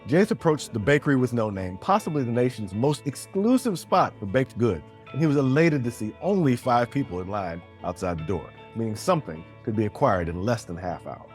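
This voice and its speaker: A man narrating a fantasy story in a steady, descriptive way. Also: medium pitch, fairly quick, hardly any pauses, faint music behind.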